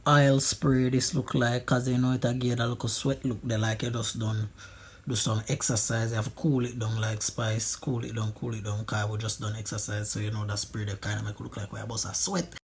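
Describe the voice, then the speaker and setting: A man's voice: lowish voice, flat delivery, a little fast, creaky, husky. A man with a Jamaican accent giving casual, humorous commentary, using Patois slang and repeating phrases for emphasis. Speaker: friend doing a makeup voice-over.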